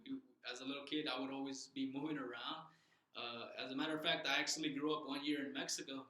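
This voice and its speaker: A man's voice: mid-range voice, little pitch movement, fast, sharp tone, reverberant, rough recording. A young man from Southern California being interviewed as a loan officer, earnest and thoughtful, with frequent fillers and restarts. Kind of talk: casual interview.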